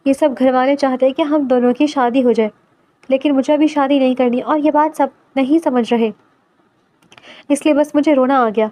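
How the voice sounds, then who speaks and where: A tearful young college student, read by a woman speaks plaintively in a narrated romance. The voice is high. It stays close to the reader's own. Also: fairly even intonation, warm tone, dry recording, close to an everyday voice.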